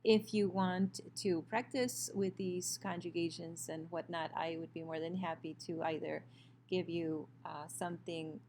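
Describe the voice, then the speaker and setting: A woman's voice: fairly low pitch, fairly even intonation, measured pace, darkish tone, slight background noise. A woman teaching a recorded Spanish grammar lesson over a screen share, explaining patiently with fillers and self-corrections. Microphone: computer mic for a screen recording.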